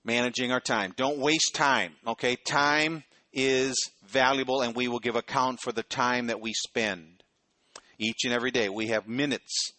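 In a conversational sermon, a middle-aged pastor keeps pausing for "okay?" check-ins with his audience. He speaks at a moderate pace with medium pitch and fairly even intonation, his tone bright and forceful, with no room sound.

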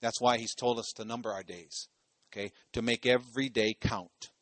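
A man's voice: medium pitch, steady tone, moderate pace, fairly bright tone, no room sound. A man from Ohio preaching a sermon in a loose, conversational way, full of "you know" asides and phrases repeated for emphasis. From Ohio, USA.

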